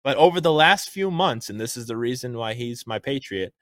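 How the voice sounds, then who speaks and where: A man's voice: medium pitch, lively intonation, fairly quick, a bit bright, dry recording. Guy hosting a political comedy news show, punchy and jokey, opinionated, dry close sound. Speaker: show host.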